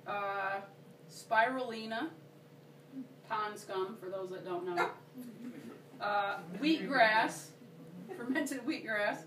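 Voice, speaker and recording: A woman's voice: fairly high pitch, fairly bright tone. A woman giving a casual, enthusiastic workshop demonstration, chatty and checking in with her listeners. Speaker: workshop presenter. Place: workshop room. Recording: roomy, distant, noisy room recording.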